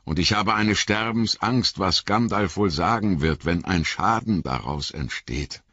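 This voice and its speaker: A man's voice: low-pitched, measured pace, husky, no room sound, pitched above the performer's own voice, heavily acted. A man voicing a chatty, flustered innkeeper in an audiobook reading, rambling and apologetic. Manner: rambling, apologetic, lively storytelling. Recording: dull lo-fi recording.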